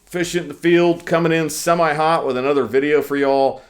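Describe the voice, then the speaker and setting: A young man hosting his own firearms channel talks to camera in an indoor lounge room, sick and losing his voice, loose, profane, and opinionated. His voice is a little high with fairly even intonation at normal speed, recorded through a condenser mic in a room with poor acoustics and background noise.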